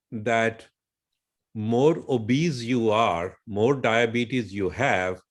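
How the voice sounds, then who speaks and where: A man with an Indian English accent, a physician guest, explaining at a measured pace and citing figures. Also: fairly low pitch.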